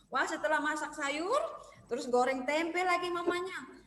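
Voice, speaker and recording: A woman preschool teacher telling a story and leading young children in an online class, animated and exclaiming. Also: sits high, moderate pace. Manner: animated, exclaiming, sing-song. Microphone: video call. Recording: echoey room with long reverb.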